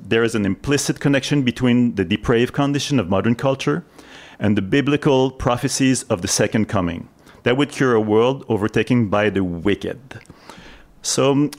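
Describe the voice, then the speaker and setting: A man hosting a live radio show, explaining his subject earnestly in a semi-scripted narration. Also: mid-range voice. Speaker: radio host.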